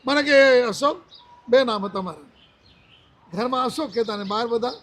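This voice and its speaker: Man, 70s, monk, religious discourse, storytelling, quoted dialogue, very high pitch, bright tone. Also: moderate pace. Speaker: Jain monk.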